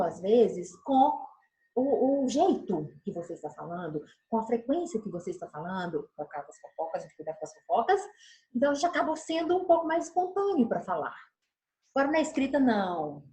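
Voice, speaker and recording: A woman's voice: a little high, normal speed, echoey room, low-quality recording. A woman teacher, giving a recorded video lesson and gesturing as she explains. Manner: animated, gestures while explaining; acts out tones of voice as examples. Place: room, recording alone.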